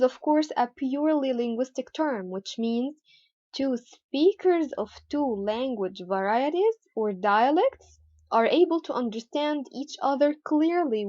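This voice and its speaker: Slow, careful woman teaching pronunciation. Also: high voice, warm tone, no echo. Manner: carefully repeats model words for practice. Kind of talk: slow, deliberate teaching explanation. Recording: dull, slightly lo-fi dry sound.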